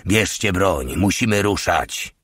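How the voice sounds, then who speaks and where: A man's voice: low voice, expressive, takes it slowly, fairly bright tone, breathy edge, no echo, studio quality, exaggerated voice. A man voicing a stern, principled older male soldier who leads the squad in an audiobook, firm and commanding.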